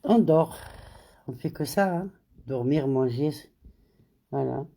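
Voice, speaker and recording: A woman's voice: very deep voice, slow pace, creaky, dark tone. A middle-aged woman hosting a casual live stream, greeting viewers by name and chatting. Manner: switches between French and Arabic, greets viewers by name.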